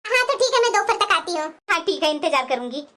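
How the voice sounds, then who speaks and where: A woman voicing both mother-in-law and daughter-in-law in a cartoon family story, expressive and quick to switch roles. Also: very high-pitched. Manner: expressive, switching between two figures.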